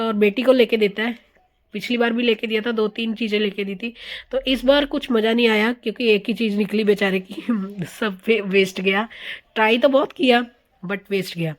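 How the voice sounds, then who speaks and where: A woman, narrating a casual family vlog as a voice-over in a chatty, amused way, dropping English words in. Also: a little high. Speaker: vlogger.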